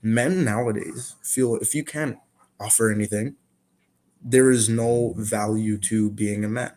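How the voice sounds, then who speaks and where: A man's voice: lowish voice, fairly even intonation, a little slow, darkish tone. Toronto man giving his opinions. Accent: Toronto Canadian. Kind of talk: casual panel discussion.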